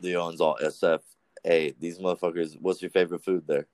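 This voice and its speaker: Deep-voiced man rambling crudely. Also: moderate pace, dry recording. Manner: rambling, crude, animated storytelling. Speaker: podcast guest. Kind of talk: casual profane chat.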